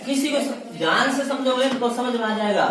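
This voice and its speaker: A man's voice: extremely high pitch, lively intonation, normal speed, crowd noise. A male teacher with a Rajasthani accent, patiently drilling his pupils with repeated questions during a classroom lesson. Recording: echoey classroom from far off. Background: pupils answering in chorus.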